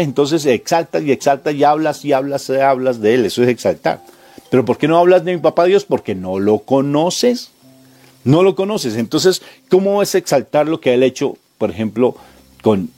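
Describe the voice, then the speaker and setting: A man's voice: mid-range voice, moderate pace, warm tone. A man preaching a sermon, emphatic and full of repeated rhetorical questions.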